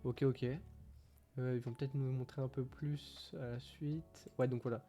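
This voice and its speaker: A man's voice: mid-range voice, little pitch movement, unhurried, dark tone, soft background music. A man casually reading game patch notes aloud, hesitant and full of fillers, who says English is not his strong point. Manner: hesitant, many fillers, reads translated text aloud. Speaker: gaming streamer.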